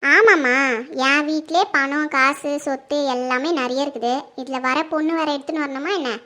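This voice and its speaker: A rich but humble middle-aged mother speaks calmly and graciously to her neighbor, as a performer puts her on. Her voice is high and bright, and her manner is reassuring and unhurried in this homemade skit. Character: wealthy, kind middle-aged mother seeking a bride. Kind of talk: home-made Tamil family skit acting.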